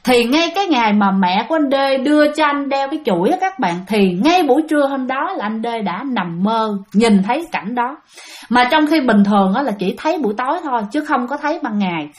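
A woman's voice: fairly high pitch, lively intonation, a little fast. A woman telling a ghost story in a chatty way, often addressing her listeners directly.

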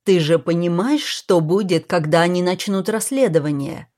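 A woman's voice: on the low side, normal speed, darkish tone, lightly acted. A woman voicing an angry, protective man who speaks in a stern, clipped way in a storybook reading.

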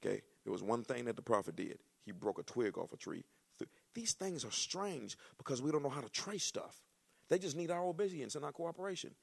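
A male pastor preaching a sermon, acting out dialogue and climbing to shouts. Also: mid-range voice, a little fast, vocal fry, husky. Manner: animated preaching, acts out dialogue, rises to shouts.

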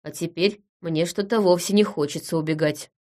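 A woman's voice: lowish voice, moderate pace, a little mellow, lightly acted. A woman reading the lines of a timid, honest young man in an audiobook, in a plain sheepish way.

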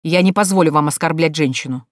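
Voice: mid-range voice, quick pace, dry recording, studio quality, lightly acted. A reader voicing an angry nobleman who gives stern, clipped commands in an audiobook. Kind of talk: audiobook character voice.

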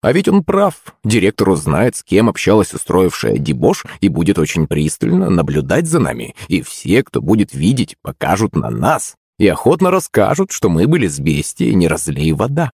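A man reading a first-person story aloud as an audiobook narrator, in a lively, expressive way. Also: low voice, normal speed, gravelly, hardly any pauses, breathy edge, dry recording, studio quality.

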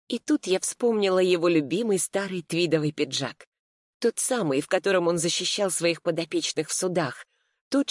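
A woman reading a first-person story aloud in a calm, reflective way. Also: deep voice, no room sound, studio quality. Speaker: audiobook narrator. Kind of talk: scripted first-person narration.

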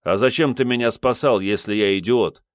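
A man's voice: fairly low pitch, normal speed, dry recording, natural voice. Man reading a curt, wary army lieutenant. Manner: curt, dry replies. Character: terse, wary young male army lieutenant.

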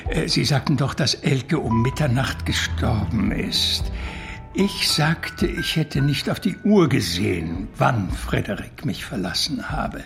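In a German radio drama, an actor plays a cultured witness from the art world, tormented and confessing, who justifies himself in careful, formal phrases. His male voice is mid-range and gravelly with lively intonation, heard over music.

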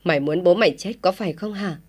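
A woman reading aloud puts on an enraged old village father in a storybook tale. He scolds in quick, harsh bursts, and the voice sits fairly low. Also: husky. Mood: furious scolding.

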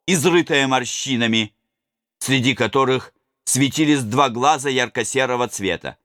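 A man narrating a historical novel as an expressive audiobook reader. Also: medium pitch, dry recording, clean studio sound. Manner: expressive storytelling.

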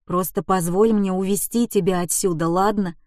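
A woman voicing a young man who speaks firmly and urgently in an audiobook, with a dark, mellow tone. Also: mid-range voice, fairly even intonation, normal speed, dry recording, studio quality, close to an everyday voice. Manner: urgent, insistent. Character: young man, firm and protective.

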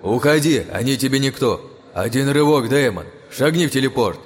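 A man's voice: medium pitch, animated, normal speed, slightly rough, long reverb tail, voice pushed up. A man voicing a frantic, pleading male inner voice inside the hero's head in an audiobook. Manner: urgent, panicky pleading.

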